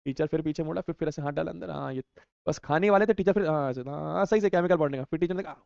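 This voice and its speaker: Young man, high voice, rapid talk, teasing and slangy, casual live class chat. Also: gravelly, a little mellow, no room sound. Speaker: online class teacher. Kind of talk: casual live chat reading viewer comments. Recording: dull, dry sound.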